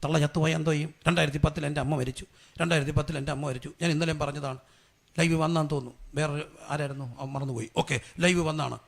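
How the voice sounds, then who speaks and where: A middle-aged male pastor preaching a sermon, firing rhetorical questions at the congregation for them to answer and building to loud, fervent prayer. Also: fairly high pitch, fairly even intonation, fast, gravelly.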